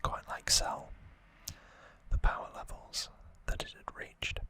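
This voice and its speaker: A trivia summary is whispered by an ASMR host, the breathy, unvoiced voice kept hushed, slow and measured.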